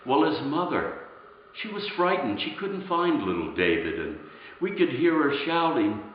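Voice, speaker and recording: A tender, earnest Santa Claus voiced by a man speaks gently, often circling back over his words. His voice moves through a wide, expressive range. The recording rings with heavy room echo and has a muffled, lo-fi tone. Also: a little high. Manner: soft-spoken, earnest, halting repetitions. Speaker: Santa performer. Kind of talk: heartfelt storytelling address. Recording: echoey room, dull lo-fi sound.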